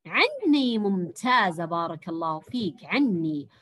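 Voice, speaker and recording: A woman teaching a lesson to young girls, praising each answer and sounding out words slowly. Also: medium pitch, sing-song. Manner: warm praising teacher, drawn-out encouraging words. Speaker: primary school teacher. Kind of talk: online Arabic language lesson for young girls.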